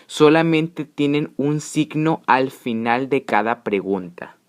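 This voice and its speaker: A male teacher whose first language is Spanish walks through grammar slowly and patiently. He speaks at an unhurried pace and repeats every example. His pitch sits in a middle range. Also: animated, smooth. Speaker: English teacher. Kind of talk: slow explanatory grammar lesson.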